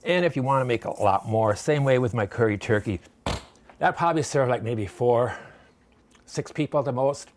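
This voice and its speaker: A man walking through a recipe in his home kitchen with a relaxed, folksy manner. He chats and wanders off into side stories between steps, in an ordinary mid-range voice. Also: medium pitch, moderate pace, slight background noise. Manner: chatty, rambling, folksy. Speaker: home cooking vlogger. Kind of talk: casual recipe demonstration.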